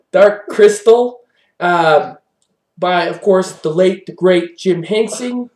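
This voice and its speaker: A man hosting an improvised comedy review show, rambling deadpan with fillers. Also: high voice, very slow, echoey room.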